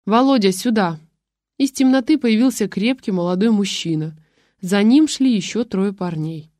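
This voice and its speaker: A woman's voice: mid-range voice, lively intonation, normal speed, warm tone, no echo. Woman narrating a story, dry close sound. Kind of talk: first-person audiobook narration.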